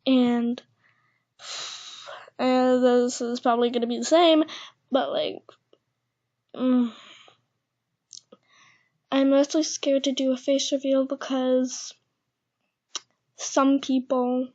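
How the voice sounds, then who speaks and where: A young woman with a light lisp and a high, youthful voice talks slowly and quietly, stopping often with "um" and "like" as she chats shyly to her viewers. She keeps her voice down at home, and the recording sounds dull and lo-fi. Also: flat delivery. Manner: awkward, hesitant, speaking quietly to keep her voice down. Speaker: channel host. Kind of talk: casual vlog chat. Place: echoey house, indoors.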